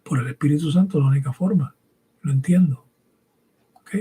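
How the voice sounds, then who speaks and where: Over a rough recording, a man with a dark, husky voice on the high side preaches at normal speed. His sermon is didactic and emphatic, mixing scripture reading with frequent short rhetorical questions, and he was raised speaking both English and Spanish.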